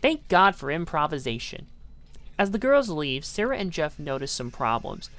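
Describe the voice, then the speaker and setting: A woman's voice: low-pitched, very animated, normal speed, a bit bright. A woman narrating a scripted game review, with dry, sarcastic asides. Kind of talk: scripted video-essay narration.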